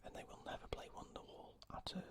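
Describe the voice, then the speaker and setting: A man whispers an ASMR ramble very close to the microphone, as if into the listener's ear. His speech is fully unvoiced and breathy. He wanders along casually, with hesitant asides. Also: fast, a bit bright.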